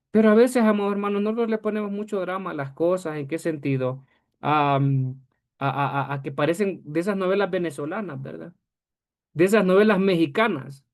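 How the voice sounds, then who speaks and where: A man with a notably high voice leads his congregation through a church history lesson. He is earnest and direct, speaking to them as beloved brethren. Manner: earnest, addresses listeners as beloved brethren, acts out quoted voices. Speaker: pastor.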